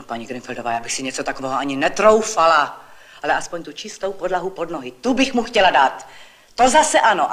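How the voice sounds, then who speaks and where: A woman voicing a busy, fussy housewife who chatters and complains while telling her neighbour a story, in an old literary reading. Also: fairly low pitch.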